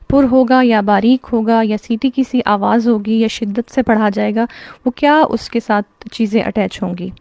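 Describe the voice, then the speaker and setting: A woman's voice: fairly high pitch, creaky, a little mellow, no echo. A woman with a Pakistani Urdu accent teaching an online class on Quran recitation, explaining step by step by asking and answering her own questions.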